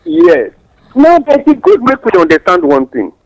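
A man's voice: very high voice, wildly swooping pitch, normal speed, gravelly, no echo, low-quality recording. A man with a Nigerian accent explaining things in West African Pidgin English, teaching through examples and rhetorical questions as a radio guest giving advice.

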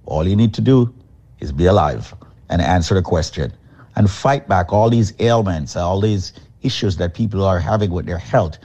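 Brief: Jamaican-born male pitchman, deep mellow voice, pushy sales talk. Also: lively intonation, moderate pace. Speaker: company chairman.

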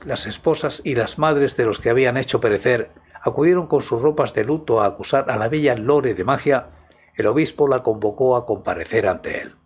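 A man with a husky voice narrating scripted tales as the host of a story programme. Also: mid-range voice. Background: music.

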